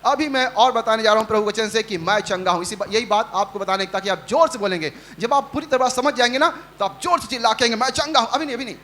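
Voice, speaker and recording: Speaking quickly with few pauses, this man's high voice sounds pushed and bright as he delivers a Hindi Sunday sermon in church. He acts out the quotes he shares and draws the congregation into call-and-response.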